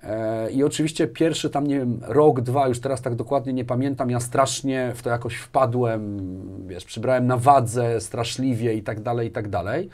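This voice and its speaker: With a steady, mid-range voice that's a little mellow, this man in his forties talks at a moderate pace with hardly any pauses. He's a business manager being interviewed in a small furnished indoor studio, sharing personal anecdotes conversationally and often tacking on tag questions, picked up by a lapel mic.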